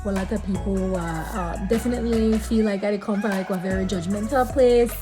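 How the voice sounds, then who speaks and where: A woman's voice: mid-range voice, fairly quick, music in the background. A woman in her late thirties with a Belizean Creole accent, talking casually and earnestly, repeating phrases for emphasis as she offers encouragement. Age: late 30s. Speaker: vlogger giving faith advice. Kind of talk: casual talk to camera with spiritual encouragement.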